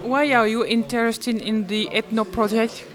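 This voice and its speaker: Woman interviewer, slightly high voice, halting and simple phrasing. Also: fairly even intonation, a crowd in the background. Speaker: interviewer, language student. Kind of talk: interviewing for community radio.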